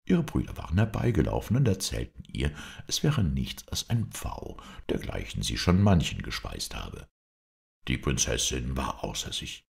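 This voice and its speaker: A man reading an old fairy tale aloud as an audiobook narrator, expressive and dramatic. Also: very deep voice, moderate pace, creaky. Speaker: audiobook reader. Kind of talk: storybook narration.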